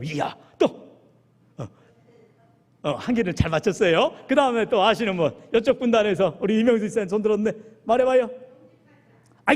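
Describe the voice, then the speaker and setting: A high-voiced male pastor preaching with a lively, swooping delivery. He jokes with the congregation and calls on people by name. His voice rings through a big, reverberant church sanctuary. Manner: lively, joking with the congregation and calling on members. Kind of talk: sermon.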